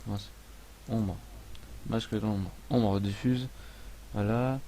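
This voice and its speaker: A man's voice: on the low side, steady tone, very slow, warm tone, a little hiss or hum. Chatty man thinking aloud through a tutorial. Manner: thinks aloud, peppered with voilà and hesitations. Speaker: software tutorial host. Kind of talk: casual screen-recorded tutorial.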